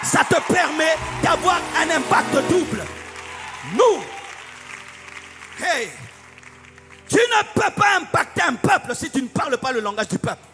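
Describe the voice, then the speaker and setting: A man preaching a sermon as pastor, often shouting and slipping into sing-song. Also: very high-pitched, sing-song, measured pace, long pauses, a crowd in the background. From DR Congo. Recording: echoey hall with faint music.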